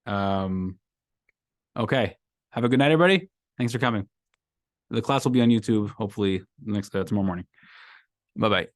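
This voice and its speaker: Fairly low in pitch and a little fast, with long pauses, a Brooklyn rabbi leads a casual weekly Torah class. Animated and emphatic, he repeats phrases and lets his lines rise. A class microphone records him cleanly, studio-style, with no room sound.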